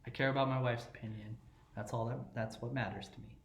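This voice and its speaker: A man's voice: medium pitch, fairly even intonation, quick pace. Male podcast co-host, exasperated and defensive, salty language, echoey room. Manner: defensive, exasperated, swears often. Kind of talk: casual podcast banter. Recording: roomy echo.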